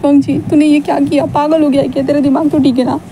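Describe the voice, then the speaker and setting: Woman narrator playing a high-strung young guy, whiny and stammering, quick and a touch high. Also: level tone, dark tone, slight background noise, low-quality recording. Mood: upset. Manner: high-strung, complaining, stammers when flustered. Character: young man, excitable, loud protester, quick to whine.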